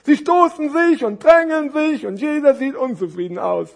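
A chubby, dim-witted scarf gift from a spoken storybook, voiced by a man. The voice is very high and squeaky, and it is naive and curious. It keeps tripping over its words. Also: normal speed, gravelly.

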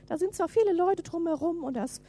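Female preacher, high-pitched, dramatic scripture reading with whispered asides. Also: fast. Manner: animated, reads scripture dramatically, drops to whispers. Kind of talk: sermon.

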